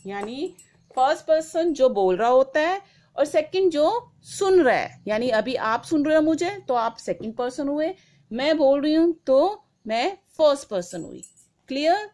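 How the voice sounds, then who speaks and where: A woman teacher giving a grammar lesson to children, saying each word slowly and asking questions that she answers herself. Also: high voice, a little mellow. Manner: slow, drawn-out word-by-word dictation.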